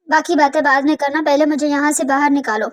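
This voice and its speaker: A woman's voice: sits high, level tone, close to an everyday voice. A woman voicing a terrified male prisoner who cries and pleads to be let out, in a cartoon story. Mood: panicked, pleading. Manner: pleading, crying out.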